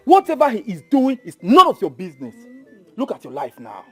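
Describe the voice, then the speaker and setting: A woman's voice: fairly high pitch, huge pitch swings, fairly quick, darkish tone, breathy edge, soft background music, heavily acted. A Nigerian woman acting a domineering village woman in a film drama, mocking and full of warnings. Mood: scolding.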